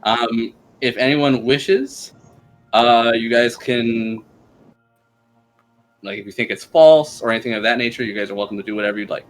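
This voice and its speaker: A man's voice: medium pitch, moderate pace, soft background music. A man narrating as game master of a tabletop game, in an easygoing, hesitant way. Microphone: streaming microphone.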